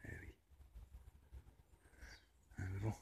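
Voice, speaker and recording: A man, a paranormal investigator speaking halting, stammering words to spirits outdoors during a ghost hunt. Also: warm tone, slight background noise. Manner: halting, stammering, restarts often.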